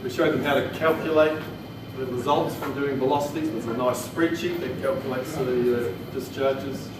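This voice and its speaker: Giving an informal technical presentation in an indoor training room, a man with a New Zealand accent talks plainly and hesitantly at normal speed. His pitch is medium and his intonation fairly even. Echo, noise, and a distant mic mark the recording.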